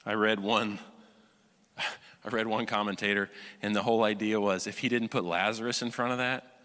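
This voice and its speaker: Male pastor, bright forceful tone, animated sermon delivery, long church reverb. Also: fairly low pitch, moderate pace. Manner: animated, shifts between loud emphatic bursts and quiet reflective prayer. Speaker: preacher.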